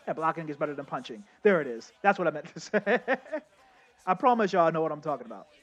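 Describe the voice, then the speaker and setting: A young man giving casual, excitable live commentary while playing a game, talking straight to his chat. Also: on the high side, fast talker, muffled recording. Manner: chatty, excitable, addresses chat as y'all. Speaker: game streamer.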